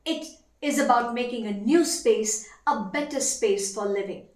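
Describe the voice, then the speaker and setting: A woman with an Indian accent delivering formal competition oratory in a declamatory, deliberate, emphatic manner with dramatic pauses. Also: fairly high pitch, a little mellow. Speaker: teacher competing in elocution contest. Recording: echoey room.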